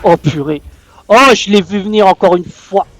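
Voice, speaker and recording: A man giving live gameplay commentary as a gaming YouTuber, raging and swearing with loud exclamations. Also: high-pitched, moderate pace.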